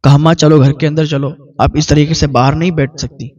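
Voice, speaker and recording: A preacher voicing a gentle devout son. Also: male voice, a little high, recorded from a distance, dull audio, voice pushed down, natural voice. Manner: soft, calm, reasoning.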